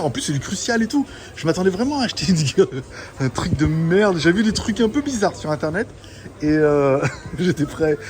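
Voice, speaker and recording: A man vlogging casually while walking through an electronics market, rambling, laughing often and swearing. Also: fairly high pitch. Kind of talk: casual walk-and-talk vlog. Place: busy electronics market, indoors. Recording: noisy market ambience.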